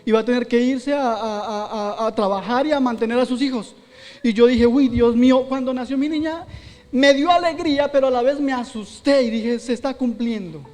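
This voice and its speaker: A man's voice: very high voice, brisk, a little mellow, long reverb tail. A man preaching a sermon, telling a personal testimony and quoting his own prayers aloud. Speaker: pastor. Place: church hall.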